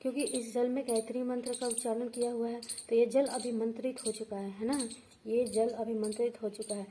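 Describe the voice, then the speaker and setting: A woman guides viewers through a devotional ritual in a mellow, slightly high voice. She is patient and repeats every step, checking in after each one. A faint hiss sits under her voice. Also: little pitch movement, fairly quick, poor audio. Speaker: astrology and vastu teacher. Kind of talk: devotional how-to instruction.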